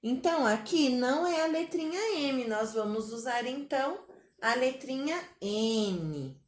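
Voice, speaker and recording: A woman with a Brazilian Portuguese accent teaches a spelling rule to small children. She speaks very slowly, in a rather high, sing-song voice full of little diminutives. Her voice rings in an echoey room. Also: expressive. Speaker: primary school teacher.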